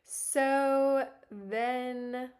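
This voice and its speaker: A woman's voice: sits high, steady tone, very slow, a little mellow. A woman streaming live, reading a webtoon aloud and reacting with lots of giggles.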